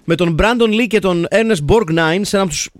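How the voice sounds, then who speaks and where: A man hosting a casual podcast chat, reading listener comments in a quick, jokey way. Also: high voice, no room sound. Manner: jokey, quick, mixes English phrases. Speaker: podcast host.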